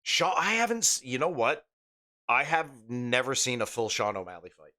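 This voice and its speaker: A man's voice: mid-range voice, sing-song, normal speed, bright, forceful tone. A man streaming live, chatting casually while calling the game in rambling, play-by-play asides. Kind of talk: casual live gameplay commentary.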